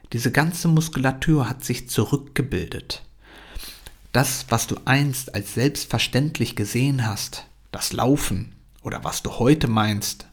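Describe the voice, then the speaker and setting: A young adult man hosting a podcast, delivering an energetic, emphatic motivational monologue and mixing in English phrases. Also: mid-range voice, husky.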